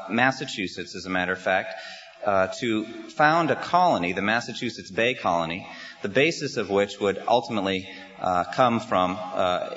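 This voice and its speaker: A pastor from the United States preaching a sermon in a church sanctuary, speaking at a pulpit microphone in an earnest, measured way with frequent "uh" pauses. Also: male voice, fairly low pitch, fairly bright tone. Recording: slightly muffled sermon recording.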